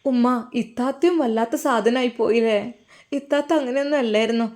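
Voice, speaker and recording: A woman's voice: a little high, steady tone, fairly quick, a little mellow, natural voice. A woman voicing a worried, caring young daughter who talks urgently, with a Malabar Malayalam accent. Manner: anxious and urgent.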